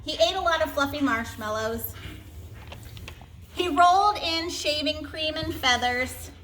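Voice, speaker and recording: A woman teacher reading a storybook aloud in an expressive way, adding chatty asides. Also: high voice, measured pace, echoey room, slight background noise.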